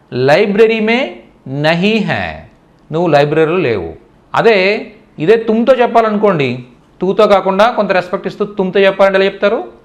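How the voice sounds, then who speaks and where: A man teaching Hindi in a spoken lesson, who explains patiently, repeats words and often checks that listeners understand. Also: sits high.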